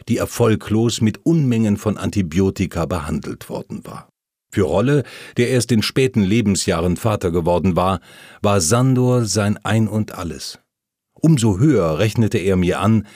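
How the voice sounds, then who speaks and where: A man reading a first-person memoir aloud, telling the story calmly and plainly while voicing the quoted lines. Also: low voice, dry recording, studio quality. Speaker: audiobook narrator.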